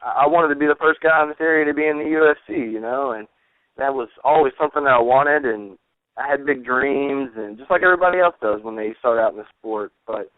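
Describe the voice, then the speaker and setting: Phone-line man in his twenties, halting, earnest. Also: medium pitch, smooth, dry recording. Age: 20s. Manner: earnest, halting, repeats words and leans on "you know". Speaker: MMA fighter and coach. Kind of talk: casual pre-fight interview. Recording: thin, phone-like radio or phone line.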